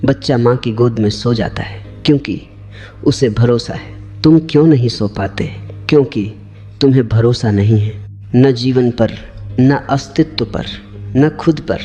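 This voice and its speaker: Calm man giving a spiritual discourse, mellow voice. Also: medium pitch, unhurried, soft background music. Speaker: spiritual teacher.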